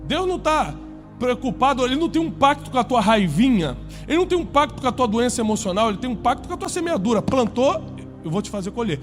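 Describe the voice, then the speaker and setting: High-voiced preacher. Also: male voice, big pitch swings, quick pace, faint music behind. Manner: emphatic preaching, rising to loud peaks and dropping low. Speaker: pastor. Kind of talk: sermon to a live congregation.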